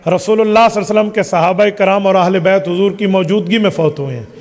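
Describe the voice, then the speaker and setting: Male Islamic scholar, higher pitch, emphatic and rhetorical, long reverberant hall sound. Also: fast. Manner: emphatic, rhetorical questions, lists points one by one. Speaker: Islamic scholar answering questions. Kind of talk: religious question-and-answer talk.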